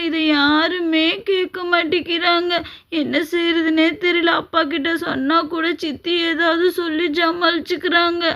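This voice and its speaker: A woman voicing a young stepdaughter who pleads and cries in a high voice, in an amateur family drama. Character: crying mistreated young stepdaughter girl.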